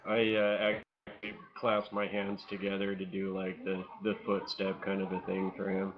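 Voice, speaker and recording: Low-voiced man playing a tabletop game. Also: completely flat delivery, moderate pace, lo-fi sound, a little hiss or hum. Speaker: player. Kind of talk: casual tabletop play.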